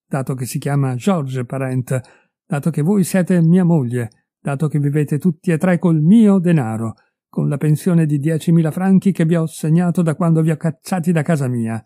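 A furious, betrayed middle-aged husband, put on by a male reader hurls accusations at his wife and her lover. His voice climbs with anger over a very dark, mellow base. The storybook recording is dry and close. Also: fairly high pitch, animated, unhurried, dry recording. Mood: furious, accusing. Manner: raised, heated and accusing.

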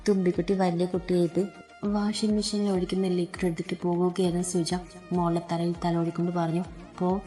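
A woman narrating a story in a calm, steady reading. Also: fairly low pitch, fast talker, faint music behind.

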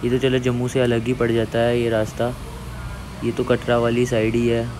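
A young man from Jammu, India, is vlogging outdoors from a motorbike and a hillside trail, casually pointing out the surroundings to his viewers. His voice is medium in pitch, totally flat in delivery, and moderately paced. The recording is noisy with outdoor bike and trail sound.

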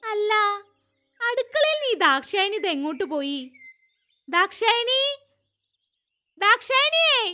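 A woman voicing Savithri, a younger sister-in-law in a Malayalam radio play, gently chiding, with a Kerala accent and music behind. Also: very high-pitched, very animated, measured pace, pauses often, heavily acted. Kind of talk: radio drama acting.

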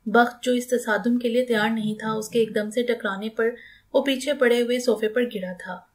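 A woman reading a romantic novel aloud as a scripted audiobook, steady and even. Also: fairly high pitch, normal speed. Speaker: narrator.

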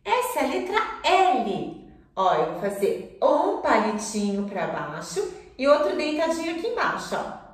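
A woman teaching children the alphabet, with warm encouragement and drawn-out tracing cues. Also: high voice, sing-song. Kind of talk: slow, sing-song children's lesson. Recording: echoey room, voice from a distance.

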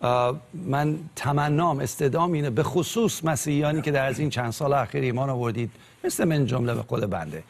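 Earnest young man with a gravelly voice. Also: medium pitch. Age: 20s. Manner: earnest, hesitant with fillers.

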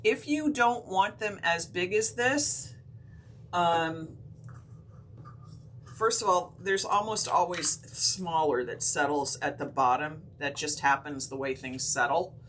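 Woman, craft instructor, live demo, unhurried, chatty, hiccuping, faint background hiss. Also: lowish voice. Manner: relaxed, chatty, explains step by step with many fillers.

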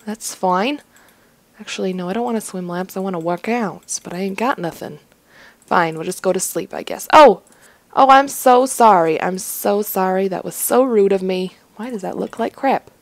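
Young woman doing let's play commentary, goofy and chatty, gravelly voice, dry close mic. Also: medium pitch, normal speed, a little mellow, no echo. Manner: goofy, chatty, self-mocking. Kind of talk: gameplay commentary.

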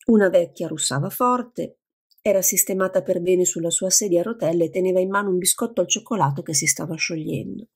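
A woman with a gravelly, husky voice reading an audiobook as narrator in a steady, even manner. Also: fairly low pitch, brisk. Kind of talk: scripted narration.

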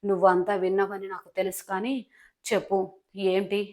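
A woman's voice: medium pitch, little pitch movement, brisk, a little mellow, natural voice. A woman voicing a stern, scheming wealthy mother in a serial recap, speaking in a commanding, questioning way.

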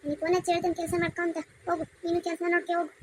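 A woman's voice: very high-pitched, monotone, very fast, a little hiss or hum. Woman doing bossy North Karnataka mother-in-law. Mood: stern. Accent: North Karnataka Kannada. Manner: scolding, commanding.

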